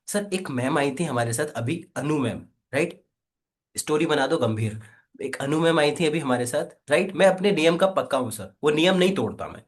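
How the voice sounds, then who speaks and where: Energetic male sales coach, slightly high voice, pushy call-and-response teaching. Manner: energetic, coaxing, repeats "right?" and "quickly". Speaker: affiliate marketing trainer. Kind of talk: live online training session.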